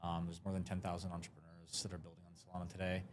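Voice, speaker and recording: A man answering interview questions at a conference in a relaxed, hesitant way with many ums. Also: sits low, very fast, slight background noise. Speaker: guest, crypto marketing lead. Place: conference floor.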